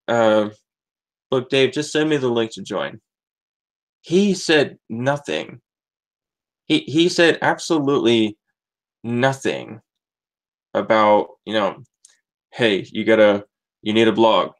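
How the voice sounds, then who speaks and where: American man, mid-pitched, casual testimonial storyteller, rambling and full of fillers. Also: poor audio. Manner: rambling, heavy use of fillers like "like" and "you know". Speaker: network marketing member sharing his story.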